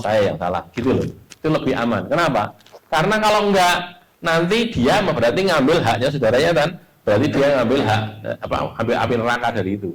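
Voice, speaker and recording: A man's voice: medium pitch, low-quality recording. A middle-aged man with a Javanese accent, teaching a hadith study class. He reads the Arabic phrase by phrase, then explains it in casual, chatty speech. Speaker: Islamic teacher.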